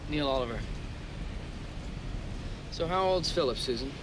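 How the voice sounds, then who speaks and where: Actor as wry, animated man, distant mic. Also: mid-range voice, measured pace, background noise, lightly acted. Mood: reassuring. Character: wry, level-headed young man helping a worried mother. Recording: distant mic, loud music behind.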